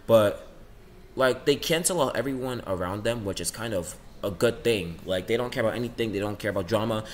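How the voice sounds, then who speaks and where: Rambling teenage boy, low voice. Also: a little hiss or hum. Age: teens. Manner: rambling, says "like" a lot, lively swings in pitch. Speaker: student vlogger. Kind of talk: casual rambling monologue.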